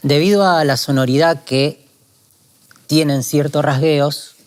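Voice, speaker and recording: A calm, methodical man from Argentina, explaining guitar strumming technique in a lesson. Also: fairly high pitch, unhurried, clean tone. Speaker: guitar teacher. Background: guitar playing.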